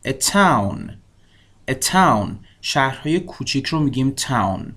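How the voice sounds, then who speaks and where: Man teaching English words, lively pitch. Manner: repeats words slowly for learners to copy. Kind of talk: language lesson.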